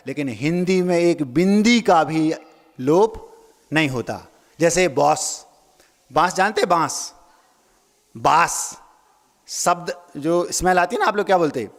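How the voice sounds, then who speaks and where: A man's voice: high-pitched, a bit bright, in a large hall. A man, a Jain monk, giving a sermon, playing with word meanings and asking his listeners questions. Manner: playful wordplay, asks the audience questions.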